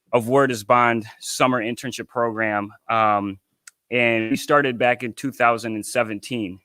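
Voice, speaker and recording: A man speaking as an executive director at a community event, earnest and proud with a slightly halting delivery. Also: mid-range voice, a bit bright, clear, resonant tone, dry recording.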